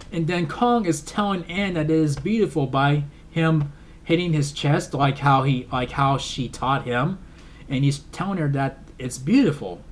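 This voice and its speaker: A man's voice: fairly high pitch, slight background noise. A man giving a casual film review, retelling the plot in a rambling way with lots of fillers and emotional asides. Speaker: movie reviewer.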